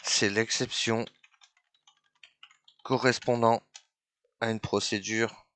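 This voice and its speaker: Slow, halting man teaching software. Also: fairly low pitch, flat delivery. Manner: halting, thinks aloud while working. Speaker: software trainer. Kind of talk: screen-recorded coding tutorial.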